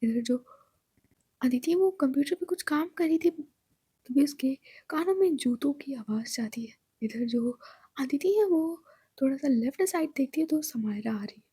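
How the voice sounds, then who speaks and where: High-voiced woman in whispered role-play. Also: moderate pace, no room sound, studio quality. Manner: soft, steady whispered narration. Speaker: storyteller.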